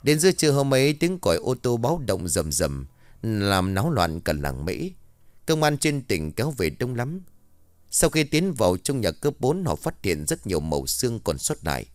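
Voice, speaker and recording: Dramatic low-voiced man narrating horror. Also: normal speed, no room sound. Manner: lively storytelling with dramatic pitch swings. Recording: dry close mic with faint music bed.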